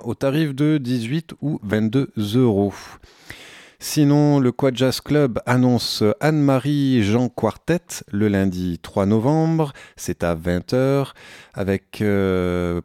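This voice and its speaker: Man, radio host, events agenda, relaxed, hesitant, fillers, warm voice, dry sound. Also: medium pitch, clear, resonant tone, no echo. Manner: relaxed, hesitant, many fillers and self-corrections.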